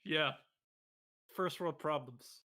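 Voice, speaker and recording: A man's voice: fairly high pitch, takes it slowly, sharp tone. A man griping about travel trouble in casual livestream chat, with many ums. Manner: gripey, plain storytelling with many ums.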